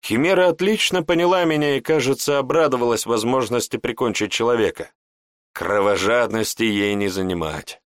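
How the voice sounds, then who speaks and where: A man narrating a fantasy audiobook in an even storytelling manner. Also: medium pitch, normal speed, no echo, studio quality. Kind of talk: scripted narration.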